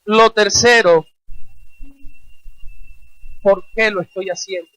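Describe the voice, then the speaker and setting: A male pastor preaching with a high, ringing voice, recorded dry and close with almost no room sound. He drives his point with rhetorical questions and emphatic repetition. He calls on the congregation to say his lines back. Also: fairly even intonation, slow pace, fairly bright tone, clean tone, dry recording, soft background music, rough recording. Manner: exhorting, has the congregation repeat phrases. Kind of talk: sermon.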